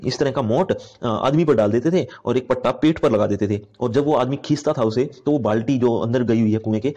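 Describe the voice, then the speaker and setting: A man's voice: medium pitch, mellow, highs cut off. A man teaching a class poem, reading each verse aloud and then explaining it in simple words, with many fillers. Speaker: Hindi teacher.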